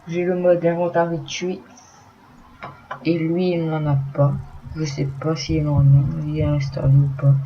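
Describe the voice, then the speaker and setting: A man narrating a let's play in a soft voice, swearing when startled, on a dull lo-fi recording with faint noise. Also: on the high side, completely flat delivery. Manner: talks softly and slowly, swears when startled. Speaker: gameplay commentator.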